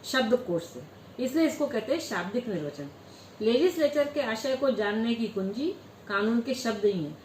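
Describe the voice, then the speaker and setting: A woman's voice: a little high, lively intonation, moderate pace, a little mellow, slight background noise. A woman giving a Hindi law lecture, asking questions and answering them herself. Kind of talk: classroom lecture. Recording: echoey room with faint ambience.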